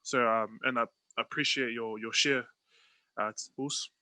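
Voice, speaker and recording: A man hosting a casual podcast, speaking appreciatively in halting phrases. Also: mid-range voice, fairly even intonation, pushed and bright, dry recording. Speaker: podcast host.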